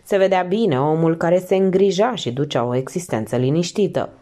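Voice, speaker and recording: A woman narrating an audiobook as an expressive reader. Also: lowish voice. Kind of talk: scripted narration.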